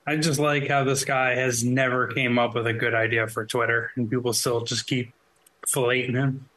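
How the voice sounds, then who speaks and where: A man's voice: mid-range voice, little pitch movement, normal speed, sharp tone, low-quality recording. A man co-hosting a podcast, chatting in a laid-back, curious way. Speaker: podcast co-host. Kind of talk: casual chat.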